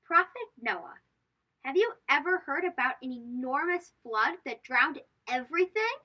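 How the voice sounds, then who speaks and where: Her high voice bounces with animation as she reads a storybook to children, punctuating it with emphasis and questions meant for little ones. The host of this read-aloud show speaks a bit slowly, captured in a recording that's a little dull.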